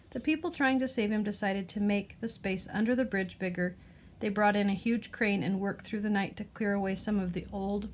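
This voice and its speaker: A woman with a medium-pitched voice reads a picture book for children aloud, full of expression, much as a teacher would. She pauses to explain words and gently ask the listener questions, and there's a little hiss or hum in the recording.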